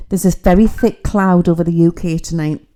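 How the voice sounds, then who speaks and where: Woman, middle-aged, low and warm, chatty mystical livestream psychic. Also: fairly even intonation, normal speed. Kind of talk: casual livestream spiritual reading.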